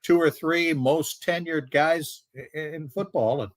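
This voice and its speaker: Older male sports veteran, anecdotal and relaxed, a touch high-pitched, dry recording. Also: measured pace, no echo. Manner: storytelling, knowledgeable, hesitant fillers. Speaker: sports talk panelist, former anchor. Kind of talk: casual sports banter.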